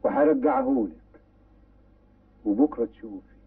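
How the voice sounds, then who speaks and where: An actor playing a blustering, sly village mayor with an Egyptian accent in an old film. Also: male voice, medium pitch, normal speed, dry recording, lightly acted. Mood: coaxing. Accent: Egyptian Arabic. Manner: bossy and blustering, then smoothly coaxing. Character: pompous, sly village mayor, middle-aged man. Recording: tinny, distant old film soundtrack.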